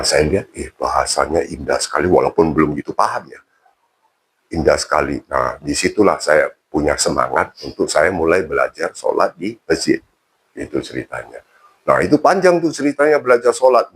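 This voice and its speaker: A man's voice: low voice, breathy edge. A man telling a personal story casually in an interview, with frequent fillers and restarts. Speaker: interview guest.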